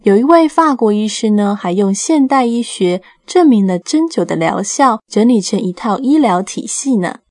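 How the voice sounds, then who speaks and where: A woman's voice: medium pitch, animated, normal speed, few pauses, a little mellow, dry recording, clean studio sound. A woman hosting a children's educational radio programme, explaining things simply as if to small children.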